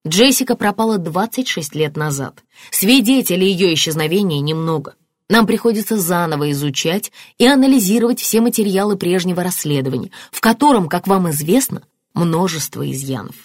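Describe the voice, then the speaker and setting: Woman voicing calm detective, measured, official, audiobook, dry sound. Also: fairly low pitch, no room sound.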